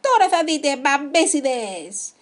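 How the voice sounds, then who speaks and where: A woman voicing a timid male rabbit pirate who acts brave, in a lively, raised voice. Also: sits high, natural voice. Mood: defiant.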